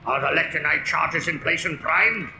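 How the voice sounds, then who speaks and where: Megatron, a gravelly evil robot tyrant. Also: male voice, on the high side, normal speed, background noise. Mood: menacing. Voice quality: snarling, gravelly. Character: evil robot overlord, ruthless and scornful. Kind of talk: 1980s read-along record acting.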